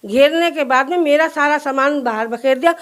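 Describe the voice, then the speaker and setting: A woman with a notably high voice speaks in a news interview. She tells her account earnestly and in detail, slipping into the voices of the people she quotes. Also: normal speed. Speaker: interviewee, shopkeeper. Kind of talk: recounting events in an interview.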